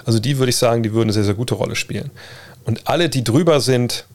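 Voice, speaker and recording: A man's voice: mid-range voice, quick pace. A man chatting casually as a livestream host, answering viewers in a colloquial way peppered with English slang and sports terms. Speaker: livestream host and basketball podcaster. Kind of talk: casual livestream chat answering viewer questions about basketball.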